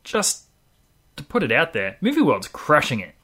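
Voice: medium pitch, huge pitch swings, normal speed, fairly bright tone. A podcast host with an Australian accent, chatting casually and playfully with a co-host. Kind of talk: casual co-hosted chat.

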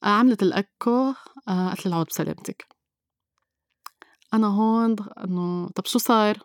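Fast-talking Lebanese woman telling her story. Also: mid-range voice, no echo, clean studio sound. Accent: Lebanese Levantine Arabic. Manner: emphatic, repeats phrases, mixes in English words. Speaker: interview guest. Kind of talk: personal storytelling in conversation.

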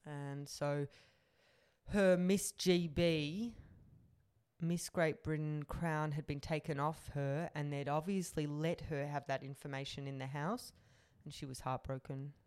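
A woman's voice: low-pitched, unhurried, smooth. A woman recapping a reality show in casual chat, acting out the people she quotes. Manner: animated, acts out quotes in put-on voices.

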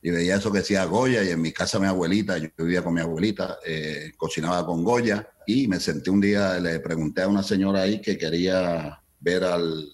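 A man's voice: low-pitched, fairly quick, hardly any pauses. A middle-aged man telling a story in an interview, acting out the other people in it and switching between Spanish and English. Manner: animated storyteller, acts out voices, mixes Spanish and English. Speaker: salsa event promoter.

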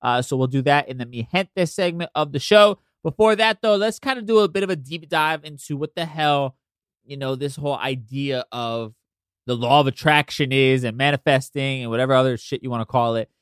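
A man's voice: mid-range voice, a little fast, fairly bright tone, clear, resonant tone, dry recording, studio quality. A man with a nasal, congested voice hosts a podcast, talking casually with swearing and conversational asides. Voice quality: nasal, stuffed-up. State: congested from allergies. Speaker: podcast host.

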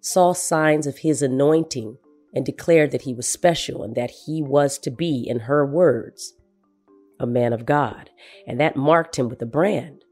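A man telling the story of his late father in a measured, soft-spoken, reflective narration. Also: medium pitch, soft background music.

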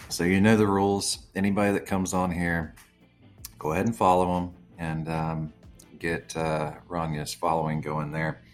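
A man with a very low voice hosts a relaxed podcast conversation. He rambles easily, filling gaps with ums and throwing in casual swearing. Faint music sits low behind him. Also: normal speed. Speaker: podcast host. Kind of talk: casual chat.

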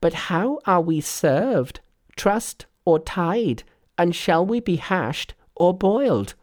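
A man voicing a bossy, cheeky trickster monkey in a storybook reading, brisk and commanding. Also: sits high, very animated, darkish tone, voice pushed up, exaggerated voice. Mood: scheming.

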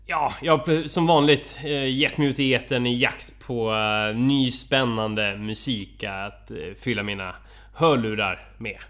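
A man chatting on a podcast. His voice sits at a middle pitch, and he talks casually and jokingly, swears now and then, and fills pauses with "eh". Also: fairly bright tone. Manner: jokey, swears casually, many fillers. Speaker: podcast co-host. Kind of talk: casual chat.

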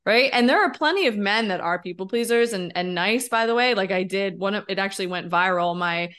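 A woman in her thirties co-hosting a podcast, talking in an emphatic, expressive, candid way and often tossing in a rhetorical "right?". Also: medium pitch, fairly quick. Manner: candid, occasionally swearing. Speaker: podcast co-host. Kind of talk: casual podcast conversation.

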